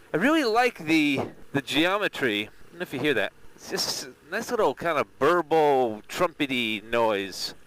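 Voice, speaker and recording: A man's voice: medium pitch, a bit bright, poor audio. A man giving a casual, enthusiastic motorcycle review as he rides, speaking up from inside his helmet. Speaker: motorcycle reviewer and vlog host. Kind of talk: casual motovlog commentary while riding. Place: outdoors, riding a motorcycle. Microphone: microphone inside a helmet. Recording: helmet mic with engine and wind noise.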